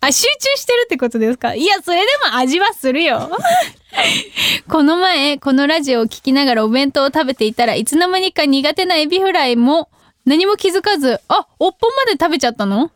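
A woman's voice: high voice, expressive, a little fast, a bit bright, no room sound, clean studio sound. A young woman hosting a radio show, reading listener mail in a giggly, self-deprecating way. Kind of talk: casual radio chat. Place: radio studio.

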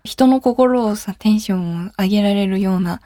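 A woman's voice: medium pitch, moderate pace, warm tone, a little hiss or hum. A young woman co-hosting a radio show, chatting in a friendly, eager way. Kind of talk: casual chat. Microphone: studio mic.

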